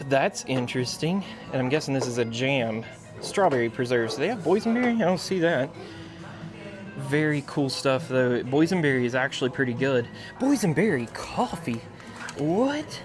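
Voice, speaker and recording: An American man vlogging casually on location, with an enthusiastic, folksy way of talking. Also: mid-range voice. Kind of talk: casual on-location vlog chat. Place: theme park, shop and outdoor food areas. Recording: music behind, outdoor park sound.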